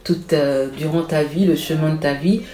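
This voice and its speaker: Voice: mid-range voice, moderate pace, warm tone. An interviewer who guides the guest with prompting questions and frequent supportive murmurs. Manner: prompting, supportive, many back-channel murmurs. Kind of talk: conversational interview. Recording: echoey room.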